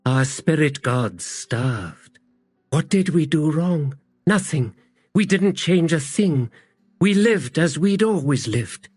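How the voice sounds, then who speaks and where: A man's voice: a little high, animated, slow pace, a little mellow, breathy edge, no room sound, pitched above the performer's own voice, heavily acted. A man voicing a bitter, guilt-haunted woman warrior, grave and heavy, in an audiobook.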